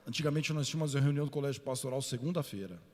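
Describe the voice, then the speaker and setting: A man with a Brazilian Portuguese accent, a pastor preaching a sermon through a lively personal story. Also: mid-range voice, racing. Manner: animated, addresses listeners as "meu irmão". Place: church. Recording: reverberant church hall.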